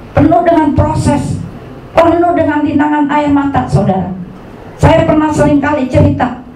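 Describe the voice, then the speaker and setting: A woman pastor preaches in a high, animated voice, slipping into street slang and acting out the voices she quotes. The sound is roomy and echoing, with the mic some way off and a faint hum of the hall behind her. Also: recorded from a distance. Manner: lively, mixes Jakarta slang with preaching, acts out quoted voices. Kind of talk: sermon. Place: church hall.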